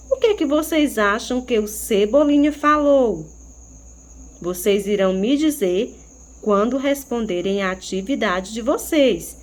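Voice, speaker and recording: A Brazilian woman teacher giving a recorded lesson to young children, slow and expressive, asking many rhetorical questions. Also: fairly high pitch. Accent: Brazilian Portuguese. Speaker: primary school teacher.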